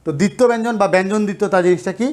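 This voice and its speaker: High-voiced man teaching grammar. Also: racing, darkish tone. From Bangladesh. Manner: explanatory, checks in often with rhetorical questions. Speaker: college lecturer. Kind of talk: grammar lesson.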